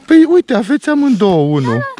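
A man's voice: very high voice, wildly swooping pitch, a crowd in the background. A man from Romania filming a casual family vlog outdoors in the mountains, teasing his kids and showing them how to do things in a fatherly way. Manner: playful, teasing, fatherly instructing.

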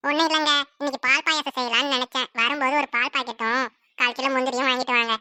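A woman's voice: sits high, steady tone, rapid-fire, pushed and bright, no echo, studio quality. A woman voicing a fussy, anxious young wife in a cartoon, pleading and nagging.

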